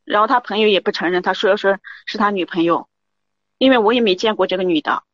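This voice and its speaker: Calling in to a show, a woman with a mid-range, fairly bright voice rambles through her account in quick, looping speech, constantly repeating "I said" at each exchange. The recording is dry, muffled and free of room sound.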